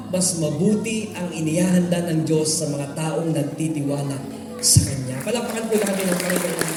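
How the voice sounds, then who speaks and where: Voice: medium pitch, noisy background. A preacher from the Philippines delivering a sermon in a church, calling out to the congregation and mixing in English phrases. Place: large church hall. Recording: echoey hall, far from mic, with music.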